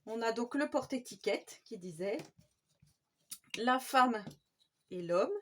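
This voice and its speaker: A woman's voice: a little high, expressive, slow pace. A woman with a French accent hosting a casual craft vlog, chatty and enthusiastic, with many fillers. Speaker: scrapbooking channel host.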